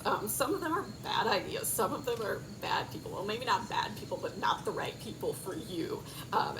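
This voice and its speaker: Woman, wedding officiant, ceremony speech, raised pitch, emphatic phrasing, lightly humorous, noticeable background noise. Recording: clear insect and outdoor background noise.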